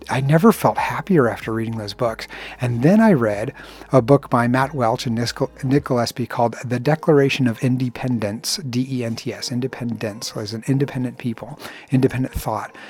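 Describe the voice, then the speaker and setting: A man in his forties hosting a casual solo podcast, talking in a relaxed, rambling way with filler words, recorded inside a small clothes closet at home. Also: medium pitch, husky. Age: 40s. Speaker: podcast host.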